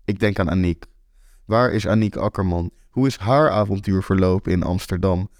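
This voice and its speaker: A young man narrates a first-person story in a low voice with wry, deadpan timing. The recording is dry and close, with no room sound at all. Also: moderate pace, dry recording. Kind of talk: audiobook story reading.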